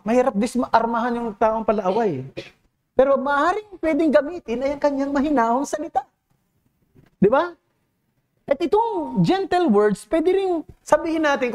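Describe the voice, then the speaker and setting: Lively Filipino pastor preaching a sermon. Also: male voice, very high-pitched. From Philippines. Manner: switches between Tagalog and English, asks the congregation rhetorical questions; earnest, teacherly preaching.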